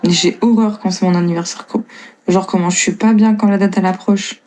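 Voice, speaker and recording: Woman, twenties, slight northern French accent, live-stream chat, answers comments, laughs a lot, warm mellow tone. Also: mid-range voice, steady tone, fairly quick, slight background noise. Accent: slight northern French (Lille). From northern France. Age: 20s. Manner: chatty, laughs often, reads and answers comments. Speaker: livestreamer.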